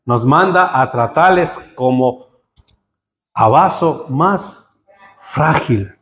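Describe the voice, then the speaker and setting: A man preaching a sermon to his congregation, joking with them and building to emphatic high peaks. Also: lively intonation, very slow, fairly bright tone. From Spain. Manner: humorous, rising to emphatic peaks. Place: church hall. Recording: echoey church hall.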